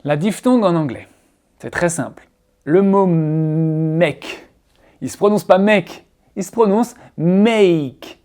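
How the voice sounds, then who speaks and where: A man from France teaching an English-pronunciation video lesson in a playful, teasing, animated way. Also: high voice, fairly quick.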